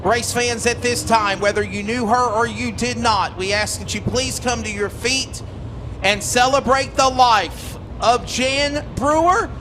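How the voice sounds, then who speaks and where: A man's voice: very high-pitched, a little slow, background noise. A man announcing a live race broadcast, giving a solemn, formal tribute.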